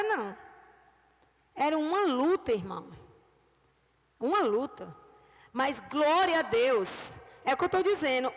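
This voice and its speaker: A woman, preaching a sermon with lively storytelling and acted-out voices. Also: high-pitched. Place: church. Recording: reverberant church hall.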